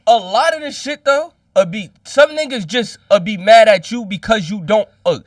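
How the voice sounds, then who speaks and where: Man, podcast guest, blunt and laid-back, high voice, dry room. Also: normal speed, no room sound, far from the mic. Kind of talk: casual podcast debate.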